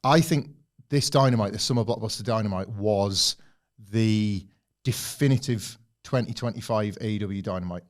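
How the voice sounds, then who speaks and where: A man with a fairly low voice co-hosts a wrestling podcast at a moderate pace. In this casual chat he gets enthusiastic and delivers long, rambling takes.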